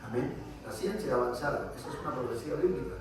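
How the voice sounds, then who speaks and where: A man's voice: medium pitch, lively intonation, quick pace. A man with a Colombian accent preaching a Sunday sermon, punctuating it with frequent amens and questions to the congregation. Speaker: pastor. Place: church. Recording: echoey church hall, mic far off.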